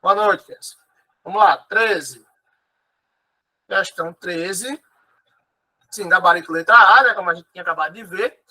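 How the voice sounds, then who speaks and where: A man's voice: sits high, measured pace, pauses often, bright, forceful tone, rough recording. A Brazilian man teaching an online exam-prep lesson. He explains patiently, repeats key words and keeps checking in with his students.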